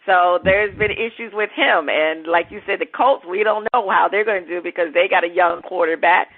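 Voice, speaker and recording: A woman's voice: on the low side, moderate pace. Chatty woman sports host on a phone line. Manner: chatty, laughs easily, searches for names aloud. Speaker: sports talk show host. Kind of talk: casual sports talk. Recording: phone-like narrow sound.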